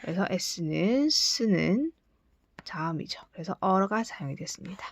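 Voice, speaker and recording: A woman's voice: mid-range voice, lively intonation, normal speed, gravelly. A woman teaching an English grammar lesson, explaining patiently step by step and checking in with rhetorical questions. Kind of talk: recorded lesson lecture.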